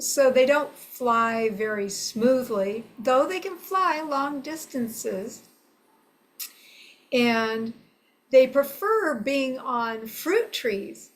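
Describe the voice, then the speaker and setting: Older woman, unhurried, high lilting voice. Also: fairly bright tone. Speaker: presenter teaching bird calls. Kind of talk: simple, friendly educational talk for children.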